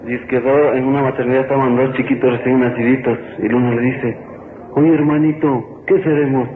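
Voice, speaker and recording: A man calling a radio show, soft-spoken and doing baby voices in a joke. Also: mid-range voice, flat delivery, fast, background noise. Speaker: radio caller. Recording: old tinny radio broadcast, echoey.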